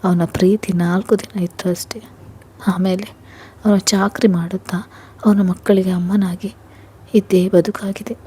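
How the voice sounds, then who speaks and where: A woman's voice: mid-range voice, little pitch movement, unhurried, pauses often, warm tone, husky. A woman reading the lines of a weary, regretful elder sister in a spoken story, subdued and resigned.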